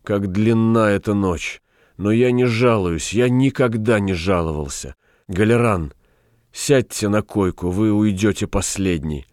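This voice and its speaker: A man reading a storybook voices a delirious prisoner condemned to die, speaking slowly and softly. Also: fairly low pitch, no echo, studio quality, close to an everyday voice. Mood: weary. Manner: slow, dreamy and hushed. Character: condemned young man, feverish, delirious, tender.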